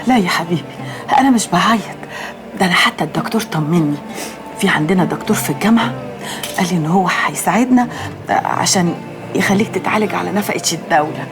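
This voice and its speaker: A woman's voice: mid-range voice, natural voice. An actress playing a loving mother with an Egyptian accent, soothing her son as she holds back tears. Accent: Egyptian Arabic. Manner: soothing, tender.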